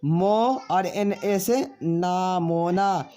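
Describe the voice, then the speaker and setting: A man gives a spelling lesson, slowly spelling out names one letter at a time and answering his own questions while calling his viewers friends. His voice is high-pitched with a dark tone.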